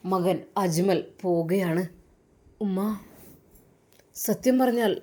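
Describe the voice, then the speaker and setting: A woman's voice: medium pitch, mellow. A woman from Kerala narrating a sad family story in a heartfelt, emotional way. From Kerala, India. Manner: heartfelt, rising and urgent at sad moments.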